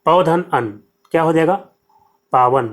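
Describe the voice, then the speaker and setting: A man's voice: fairly high pitch, a little slow. A man with a Hindi accent teaching an exam-prep grammar lesson, explaining step by step, asking questions and answering them himself. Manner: explains step by step, repeats "ठीक है" often.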